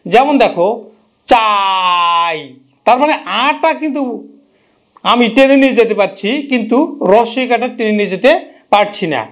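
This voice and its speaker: A man's voice: very high-pitched, fairly quick. A man teaching a grammar lesson who repeats key terms and asks and answers his own questions.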